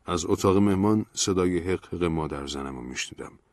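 A man's voice: low voice, dry recording, studio quality. A man narrating a story in the first person, reading it aloud expressively. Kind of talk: audiobook narration.

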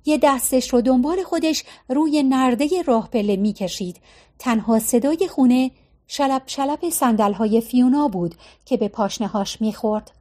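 A woman reading a novel aloud in a steady, measured way as audiobook narrator. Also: high voice. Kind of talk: storytelling narration.

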